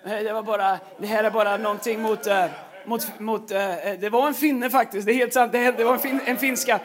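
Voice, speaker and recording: A man preaching a sermon, telling a funny story with lots of fillers, repeats and laughter. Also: sits high. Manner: animated, breaks into laughter, frequent fillers and repeated words. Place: large church stage.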